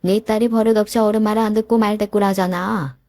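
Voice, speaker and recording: A woman's voice: mid-range voice, steady tone, quick pace, no echo, studio quality, voice pushed up, natural voice. A woman voicing a cold, demanding older mother-in-law in a spoken story. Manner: demanding, then shouting insults.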